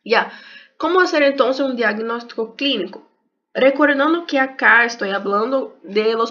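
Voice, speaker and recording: In a dull lo-fi recording, a young woman with a Brazilian Portuguese accent gives a casual video lesson in a second language, hesitant and groping for words. A native Portuguese speaker and health sciences YouTuber, she has a bright, forceful voice on the high side.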